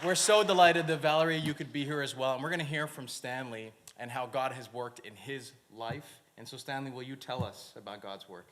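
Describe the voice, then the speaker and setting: A man's voice: medium pitch, a little fast, hardly any pauses, a bit bright, a little hiss or hum. A male pastor introducing a church member from the front of the church with enthusiasm. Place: church sanctuary.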